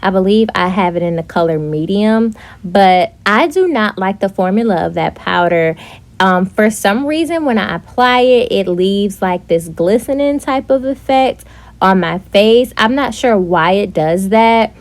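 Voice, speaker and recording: A young woman narrating a casual makeup tutorial, chatty and relaxed, with frequent fillers. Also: medium pitch, unhurried. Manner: chatty, with frequent ums and likes. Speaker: beauty vlogger.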